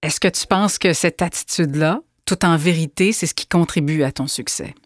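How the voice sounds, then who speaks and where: Interview host, encouraging, quick yeses and mm-hmms, dry close sound. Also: medium pitch, dry recording. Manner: encouraging, many short affirmations. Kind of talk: interview questions.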